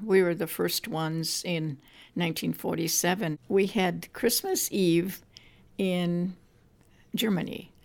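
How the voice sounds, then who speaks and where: An older grandmother, whose voice sits deep and crackles with heavy vocal fry. She talks slowly and reflectively, pausing often and searching for words as she recalls the past in an oral-history interview. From Poland. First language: Polish. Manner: halting, reflective, many pauses and fillers.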